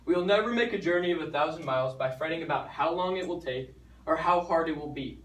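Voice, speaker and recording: A man's voice: on the high side, fairly bright tone, slight background noise. Young man in an echoey hall. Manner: chatty, joking, stumbles over words. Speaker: student speaker. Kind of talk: nervous student talk. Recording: echoey hall, mic far off.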